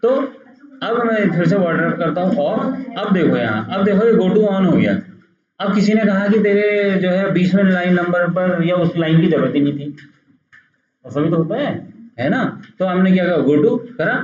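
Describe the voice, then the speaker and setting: A man teaches a beginners' computer lesson in a patient, repetitive way, pointing things out on screen. His voice sits a little high. The recording is roomy and dull, like a cheap mic in a bare room. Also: animated, moderate pace, darkish tone. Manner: patient, repeats "dekho" while pointing things out. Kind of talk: screen-recorded software tutorial.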